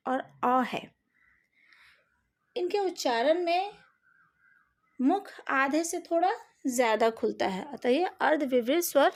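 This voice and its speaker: Slow, high-voiced woman teacher. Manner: careful, slow, spells out each vowel sound; speaks to students directly, asks them to fix slides. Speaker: Hindi teacher. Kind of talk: recorded online lesson.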